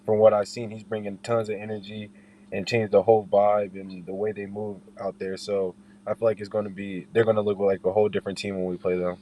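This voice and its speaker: Casting: young man, relaxed and lowish voice, player giving informal interview answers, faint ambient noise behind him. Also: fairly quick, poor audio. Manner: informal, repeats and rephrases points. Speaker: basketball player being interviewed. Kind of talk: casual interview chat.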